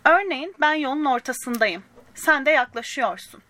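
High-voiced woman reading a children's story. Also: expressive, moderate pace. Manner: gentle, addresses young listeners directly; voices the characters' lines in small shifts.

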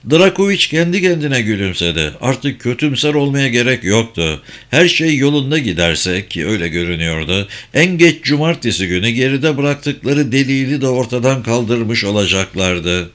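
A man narrating a thriller audiobook in a steady, measured reading voice. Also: mid-range voice.

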